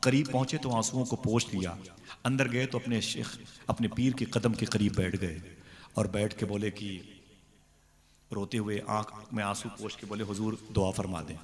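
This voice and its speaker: Low-voiced preacher telling a story in a big hall. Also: male voice, normal speed. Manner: animated, acts out dialogue, questions the audience. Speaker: religious speaker at a devotional gathering. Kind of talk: sermon storytelling. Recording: long reverb of a large hall.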